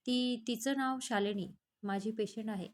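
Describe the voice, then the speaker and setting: A woman reads the lines of a young male psychiatrist in a story. He is calm but curt, scolding when annoyed. The voice sits a little high. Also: a little slow, lightly acted. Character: young man, calm psychiatrist, gruff and protective.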